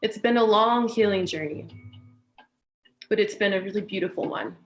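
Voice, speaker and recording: Soft music plays behind a Californian woman with an American accent as she welcomes listeners to a guided meditation, speaking gently and unhurriedly at medium pitch and normal speed. As the session host and meditation teacher, she talks personally and in spiritual phrases.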